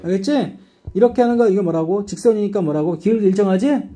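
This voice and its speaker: A man's voice: high voice, quick pace. A man teaching an English class, lecturing students and constantly checking that they follow. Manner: lively, rising and dipping emphasis.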